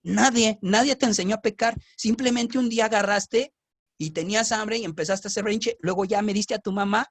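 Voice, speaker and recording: A man with a Mexican accent, teaching scripture in a casual, lively style and often asking his listeners rhetorical questions. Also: high voice, fairly quick. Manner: animated, asks the audience rhetorical questions.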